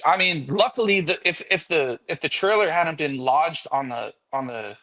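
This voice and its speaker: Animated, profane storyteller, fairly high voice. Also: male voice, moderate pace. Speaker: podcast guest musician. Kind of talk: casual anecdote telling.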